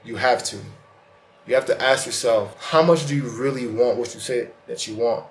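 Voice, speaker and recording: A man's voice: mid-range voice, fairly even intonation, moderate pace, reverberant, a little hiss or hum. A man with slightly lisping, slurred speech from a retainer, giving a casual, earnest motivational monologue straight to the viewer. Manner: casual, colloquial, earnest direct address. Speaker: host of self-help vlog.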